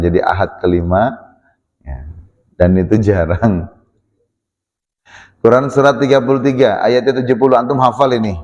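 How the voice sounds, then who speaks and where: A man preaching to a mosque congregation. He talks in a lively way, acts out questions from his listeners and slips in jokes. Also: on the low side, highs cut off. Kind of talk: mosque sermon. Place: mosque hall. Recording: long reverb of a mosque hall.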